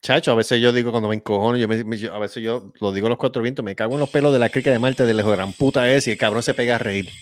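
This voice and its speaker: A Puerto Rican man in casual chat, telling stories with lively swearing. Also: mid-range voice, very fast, few pauses, no echo. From Puerto Rico. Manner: expressive, profane, lively storytelling.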